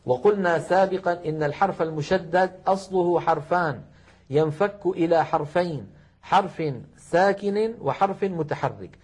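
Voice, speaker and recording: A man teaching Quran recitation, chanting verses slowly and drawn out, then explaining the rules briskly. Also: on the high side, darkish tone, husky. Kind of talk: tajweed lesson with recited examples.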